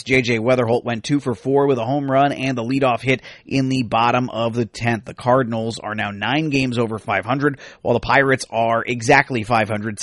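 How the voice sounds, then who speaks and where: A man reading a scripted sports report in a brisk, even manner. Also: mid-range voice, no echo, studio quality. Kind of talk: scripted sports news read.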